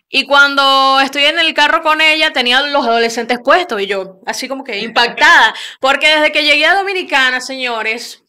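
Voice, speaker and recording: A young Venezuelan woman hosts a studio chat, talking in a lively, animated storytelling way with lots of repeats. Her voice is bright, smooth and a touch high, close on a desk mic. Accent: Venezuelan Spanish. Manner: lively storytelling with many repeats and hand gestures. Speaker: radio host. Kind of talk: casual interview talk. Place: small studio with screen backdrop.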